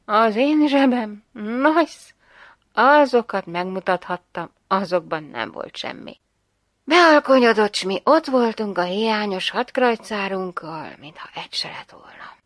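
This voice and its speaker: A woman reads a story aloud in an expressive, measured voice at a middle pitch. The sound is close and dry, with no room echo. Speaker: reader. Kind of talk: storybook narration.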